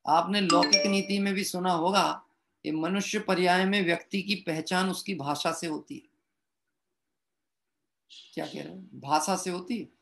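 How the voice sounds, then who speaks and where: A man's voice: high-pitched, steady tone, measured pace, vocal fry, long pauses, fairly bright tone. A man teaching a religious discourse online, reading from a text and explaining it, and often asking his listeners questions that he answers himself. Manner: reads from a text and then explains it. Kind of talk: scripture discourse. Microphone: online streamed talk.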